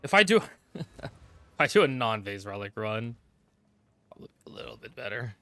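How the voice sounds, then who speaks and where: A man's voice: medium pitch, sing-song, normal speed, gravelly, fairly bright tone, no echo. A man with a congested, stuffy nose giving casual live commentary while streaming a game.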